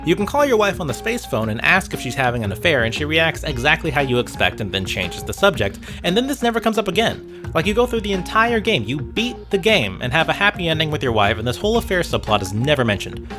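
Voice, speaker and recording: Narrating a scripted video essay with music playing beneath, this man's voice is a little high, very animated, and quick. His style is wry and chatty, full of casual asides and the occasional casual curse.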